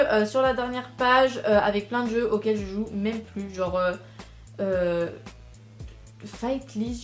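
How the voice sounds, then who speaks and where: A young woman vlogger chatting casually through a tour of her phone, with many fillers and trailing mumbles. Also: medium pitch. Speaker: YouTuber. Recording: echoey room with light music.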